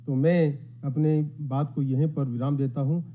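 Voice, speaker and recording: A man giving a formal conference lecture in a measured, explanatory way, reciting Sanskrit verses between his points. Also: on the high side, fairly even intonation. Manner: modest, addresses the gathering. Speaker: academic speaker at a conference. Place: conference hall. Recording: dull lo-fi sound.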